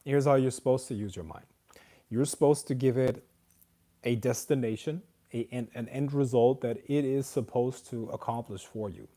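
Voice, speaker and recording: A non-American man runs a casual livestream Q&A, reading viewer questions aloud and then answering emphatically, almost lecturing. He has a mid-range, dark-toned voice at normal speed.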